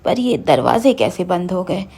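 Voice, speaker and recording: A woman's voice: fairly low pitch, very animated, moderate pace, creaky, slightly rough, heavily acted. A woman voicing a worried, protective middle-aged aunt in a cartoon horror story, pleading and scolding by turns. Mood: indignant. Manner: pleading, then sharp and scolding.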